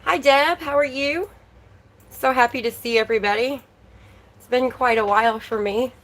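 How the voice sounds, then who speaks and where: A woman's voice: on the high side, normal speed, fairly bright tone, poor audio. A woman hosting a casual livestream, chatting and greeting viewers by name while her voice is slightly worn. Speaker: livestream host.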